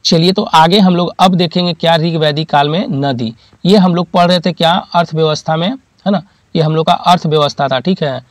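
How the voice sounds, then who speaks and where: A man teaches in a high, clear voice, and the recording is close and dry. He keeps asking listeners questions and then answers them himself. He repeats each key term, and his examples come from daily life. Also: fairly even intonation, normal speed, no room sound. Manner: uses homely examples, repeats key terms. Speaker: exam-prep teacher. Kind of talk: classroom lecture.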